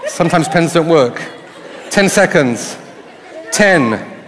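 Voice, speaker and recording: A man with a fairly high, expressive voice speaks slowly while giving a conference talk on stage before an audience in a large hall, addressing them with rhetorical questions. Crowd and background noise come through amid the hall's reverberation.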